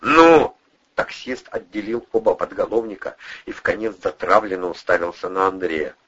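Brief: low, husky male narrator, steady delivery, dull lo-fi recording. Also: fairly quick. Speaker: audiobook narrator. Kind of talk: scripted narration.

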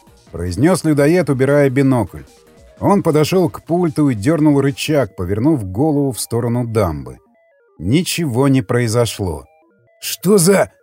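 Male narrator, expressive dark voice, faint music underneath. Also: mid-range voice, moderate pace, dry recording. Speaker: audiobook narrator. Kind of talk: dramatic audiobook narration.

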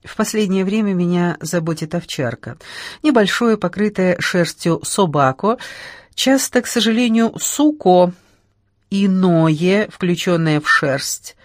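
A woman's voice: fairly low pitch, a little slow, dry recording, clean studio sound, lightly acted. Tipsy rambling man played by a woman, mock-lecturing, declaiming, audiobook.

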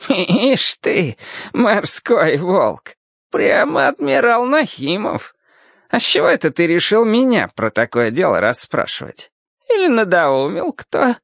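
A kindly old cobbler in a storybook, quavering and folksy, as a male narrator puts him on. He talks slowly and slyly, his pitch rising and falling widely, with a gravelly grain. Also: big pitch swings, fairly bright tone, dry recording, studio quality, heavily acted. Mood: teasing. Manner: folksy, teasing, slow and sly. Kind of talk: audiobook character voice.

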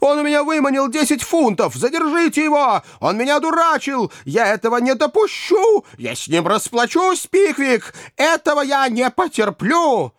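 A frenzied swindled gentleman, shrill furious shrieks, storybook reading. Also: sing-song, normal speed, hardly any pauses, no echo, studio quality, full character voice. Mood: frantic. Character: cheated middle-aged gentleman in a frenzy.

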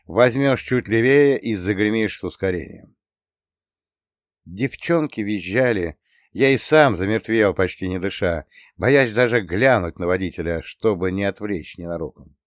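A man narrating an adventure audiobook in the first person, with steady storytelling. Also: fairly low pitch, unhurried, no echo, clean studio sound. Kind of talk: scripted narration.

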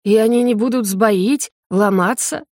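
A woman's voice: on the high side, a little slow, darkish tone, dry recording, clean studio sound. A woman voicing an eager young male student who keeps asking curious questions.

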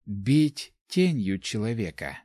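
A man reading a gentle young woman in a fantasy audiobook. She speaks softly and evenly and explains things patiently. The sound is dry and close. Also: medium pitch, expressive, normal speed, dry recording, lightly acted. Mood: calm.

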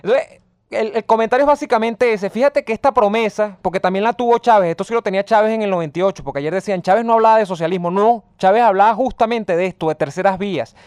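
A male radio co-host with a smooth, resonant voice that sits slightly high for a man. He reads listener messages and talks politics with rising emphasis. The studio sound is close and dry. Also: quick pace, a little mellow, no echo. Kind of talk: casual radio talk and political commentary.

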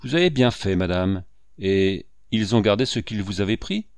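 A man reading aloud, voicing a smooth, sly male gendarme captain who answers calmly and curtly. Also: lowish voice, normal speed, no echo, clean studio sound.

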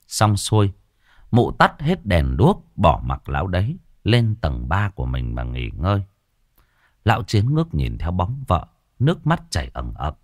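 A man narrating a ghost story in a dramatic, expressive storytelling manner. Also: sits low, unhurried, no room sound, clean studio sound.

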